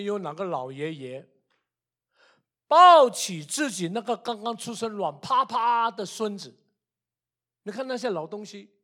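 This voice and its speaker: An older man preaching a sermon, emphatic and repetitive, full of rhetorical questions and swinging between soft asides and loud outbursts. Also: sits high.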